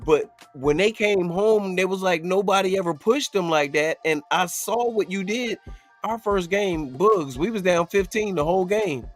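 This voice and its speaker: High-pitched guy coaching hoops, animated, goes loud then quiet, faint music under him. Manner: animated, swings loud and soft, talks in quick bursts. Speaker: youth basketball coach. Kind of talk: casual sports talk.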